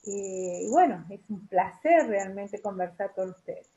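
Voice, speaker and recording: Woman, author guest, mellow voice, hesitant delivery, lo-fi video-call audio. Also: mid-range voice, lively intonation, unhurried. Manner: warm, hesitant with fillers.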